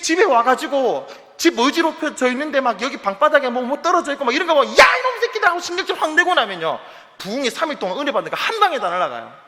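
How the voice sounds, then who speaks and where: A male pastor preaching a lively sermon to his congregation, with sudden quiet asides. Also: very high-pitched. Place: church sanctuary. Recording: long hall reverb.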